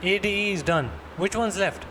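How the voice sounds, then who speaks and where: A man's voice: sits high, normal speed, pushed and bright. A man with a Pakistani accent giving an interactive one-to-one maths lesson online, encouraging and leading step by step with questions. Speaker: maths tutor. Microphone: computer mic on online screen-share call. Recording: noisy online lesson audio, background hum.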